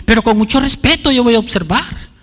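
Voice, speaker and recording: A man's voice: very high voice, expressive, a little fast, a bit bright, big-room sound. A man preaching a sermon as pastor, emphatic and urging his listeners with repeated appeals. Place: church sanctuary.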